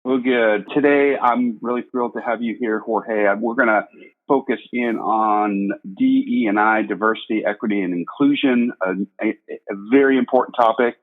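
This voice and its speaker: A man hosting a podcast interview, friendly and quick to laugh, on a casual call. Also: medium pitch. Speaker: podcast host. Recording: tinny phone-like line.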